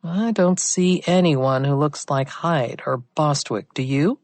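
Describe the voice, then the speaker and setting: A woman reading an audiobook, voicing a quick-witted woman investigator in a teasing, lively way. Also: low voice, no echo.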